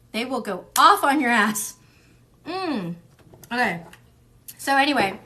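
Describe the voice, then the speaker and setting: A woman's voice: medium pitch, pushed and bright. Chatty woman giving a casual tarot reading. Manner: chatty, rambling, frequent fillers and laughs; slips into mimicking voices for people she describes. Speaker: tarot reader.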